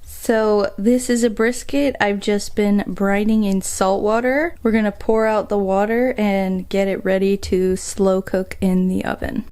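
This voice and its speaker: Young female vlogger, casual upbeat cooking chat, middle pitch. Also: little pitch movement, a little slow, few pauses, a little mellow, smooth. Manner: chatty, upbeat, talks while cooking.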